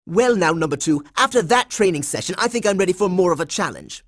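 A man with a high-sitting, animated voice talks fast as he plays a bossy, heroic boy secret agent in a cartoon video game. His delivery is dramatic and emphatic, full of smug confidence.

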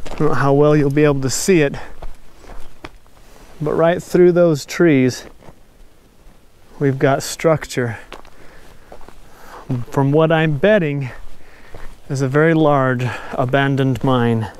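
A man's voice: fairly high pitch, steady tone, slow, long pauses, a little mellow, smooth. Enthusiastic man vlogging outdoors. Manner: enthusiastic, easygoing, exclaims often. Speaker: mine explorer vlogger. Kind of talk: casual outdoor vlog narration. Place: outdoors in desert hills and mine tunnels. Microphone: lapel mic.

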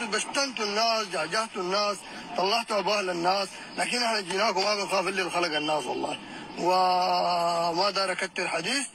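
A man with a Sudanese accent delivering a heated, taunting rant that rises to shouts. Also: high voice, noisy background. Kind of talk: angry recorded rant.

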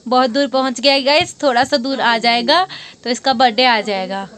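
A young woman with a fairly high voice chats casually in her vlog. She keeps talking straight to her viewers and calls them "guys". She drops English words in as she goes. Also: steady tone, normal speed, a bit bright. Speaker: vlogger.

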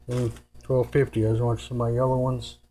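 This presenter's mellow, medium-pitched voice moves fairly quickly and barely rises or falls as he explains radio gear at an indoor table. His hands-on talk is unscripted, rambling and matter-of-fact. Clear noise and hum run through the home recording.

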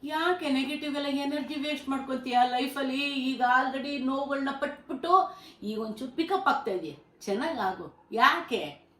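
A middle-aged mother with a Kannada accent speaks in a fairly high voice, pleading with and scolding her listeners. The sound carries a noticeable room echo. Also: a little slow, fairly bright tone. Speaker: mother of a vlogger. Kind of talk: emotional family talk.

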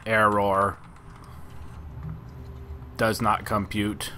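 A glitching, malfunctioning robot, as a man puts it on while playing a game. It speaks in a deep, flat, mechanical monotone and stutters out its error phrases. The voice sits well below the man's own. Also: very slow, noisy background. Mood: robotic.

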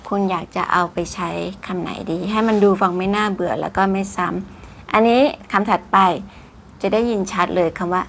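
A woman giving a casual English vocabulary lesson, drawing out each word slowly with exaggerated mouth shapes. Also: fairly low pitch, steady tone, a little hiss or hum. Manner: exaggerated slow pronunciation of English words; chatty, polite particles.

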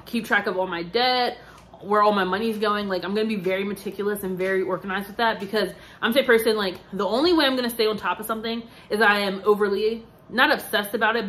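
A young, tired vlogger chats casually to camera, rambling with plenty of fillers and asides. Her voice is medium-pitched and fairly bright.

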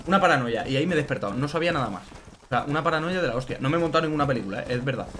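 A man streams a game, chatting and greeting viewers excitedly. His pitch jumps about in a lively way. A faint noise sits under the voice. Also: very fast. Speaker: gaming streamer. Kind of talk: casual let's play commentary.

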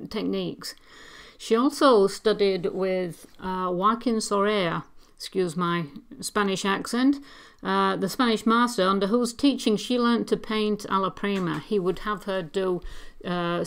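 A woman presenting paintings for an auction preview, speaking in a measured, appreciative way with frequent pauses. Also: medium pitch. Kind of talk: art commentary on paintings.

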